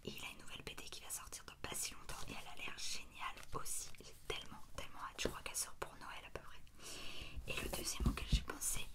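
A young woman whispering softly in a hushed, breathy library whisper, chatting casually about books in an ASMR style. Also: quick pace. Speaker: book vlogger. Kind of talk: whispered ASMR book talk. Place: small room at home, indoors.

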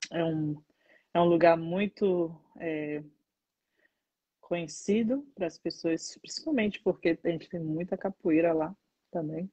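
A woman in her thirties from Salvador with a Bahian Brazilian accent, chatting casually as a dance teacher answering viewer questions, animated and stressing words by slowing down. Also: on the low side, husky, no room sound, muffled recording. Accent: Bahian Brazilian Portuguese. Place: indoors, seated in front of a painted mural.

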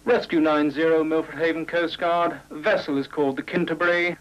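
An actor playing a coast guard radio operator, heard over a radio link, speaking in formal, measured radio procedure. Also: male voice, on the high side, little pitch movement, fairly bright tone. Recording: muffled radio with faint noise.

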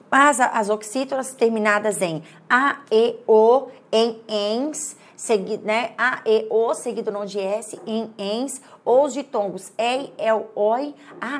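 A middle-aged Brazilian woman teaching Portuguese grammar for exams, in a lively, chatty way that repeats words to drill them. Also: mid-range voice, gravelly, husky. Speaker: Portuguese teacher for exam prep. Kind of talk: online exam-prep lesson.

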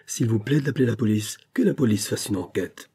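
A man's voice: on the low side, brisk, mellow, slightly rough. A man reading aloud plays a proud young man who answers his accusing father with cold defiance. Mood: defiant.

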